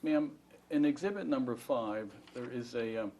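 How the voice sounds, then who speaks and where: A man's voice: mid-range voice, moderate pace, dark tone, lo-fi sound. A male attorney with a mid-range voice conducts formal questioning. He is polite and methodical, explaining procedure step by step. There is faint noise in the room. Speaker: plaintiff's attorney questioning a witness.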